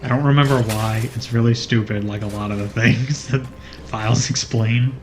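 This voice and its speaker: Over background music, a male let's play commentator speaks at normal speed in a medium pitch with fairly even intonation. His casual commentary walks through how the game works, peppered with dry wit.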